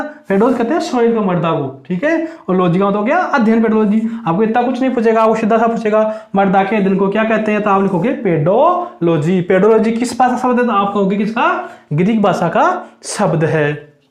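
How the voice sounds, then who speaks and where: A high-pitched male teacher runs an exam-prep class, firing a question upward and answering it himself on a low note, over and over. His voice rings around a bare, echoey room. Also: lively intonation, a little fast. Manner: drills students with repeated question and answer.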